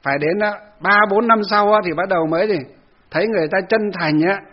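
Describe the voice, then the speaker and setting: A Buddhist monk with a high, fast voice, its highs cut off, tells a story to lay Buddhists during a conversational dharma talk. His storytelling is conversational, and he acts out the quotes.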